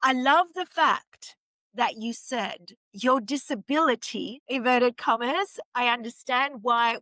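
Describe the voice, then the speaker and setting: A woman hosting a talk show over a video call, effusive and emotional, reading quotes with dramatic pauses. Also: fairly high pitch, bright, forceful tone, no echo, rough recording. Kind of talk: warm interview reading quotes.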